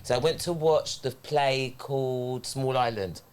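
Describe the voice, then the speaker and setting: A man's voice: mid-range voice, unhurried, smooth. A man in a casual chat, telling stories expressively. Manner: expressive storyteller who acts out quotes.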